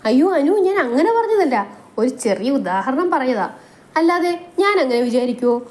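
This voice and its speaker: A cheeky young brother-in-law who loves to mock, from a family story, read by a woman. The tone is mellow and fairly high. He jokes at others' expense. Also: very animated, normal speed. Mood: flustered. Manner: mocking.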